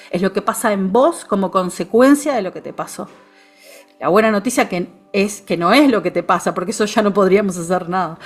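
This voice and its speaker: A woman with a Rioplatense Spanish accent, a therapist guest explaining things in a calm, reflective way, often ending her phrases with a questioning tag. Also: mid-range voice. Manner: calm, reflective, frequent "¿no?" tags. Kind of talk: conversational explanation.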